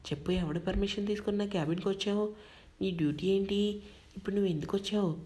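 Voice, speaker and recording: A woman reading a cold, furious young boss man in a spoken audio story. He barks orders and scolds his assistant, his words hard and fast. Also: mid-range voice, close to an everyday voice. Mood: angry, scolding. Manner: shouting, scolding. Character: angry young male boss, harsh and cold.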